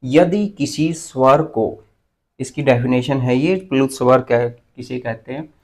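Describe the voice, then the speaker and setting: Male teacher, exam-prep grammar lesson, mid-pitched voice, answers his own questions. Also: measured pace, a little mellow.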